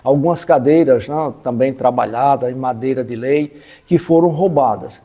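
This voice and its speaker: With a medium-pitched, mellow voice at a moderate pace, a Northeastern Brazilian man from the Sergipe backlands talks through local history unscripted. His manner is didactic, punctuated by frequent check-in tags.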